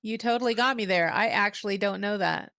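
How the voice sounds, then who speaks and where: A woman's voice: medium pitch, fairly quick, creaky, fairly bright tone, no echo. A woman hosting a livestream in a chatty way, laughing often, heard through a headset mic. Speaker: livestream host. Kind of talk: casual livestream chat.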